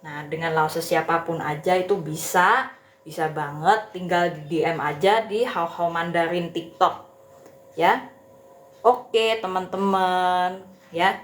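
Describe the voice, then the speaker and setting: A woman's voice: on the low side, slow, roomy sound. A woman teacher, chatting casually to viewers of her live stream with many fillers and tag questions. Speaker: Mandarin teacher.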